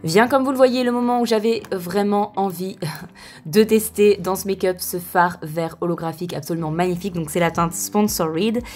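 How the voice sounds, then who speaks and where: A woman's voice: on the low side, fairly even intonation, moderate pace, a little mellow, soft background music. Chatty young woman narrating a makeup tutorial. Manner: chatty, with frequent fillers and self-corrections. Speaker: beauty vlogger. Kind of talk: casual makeup tutorial voice-over.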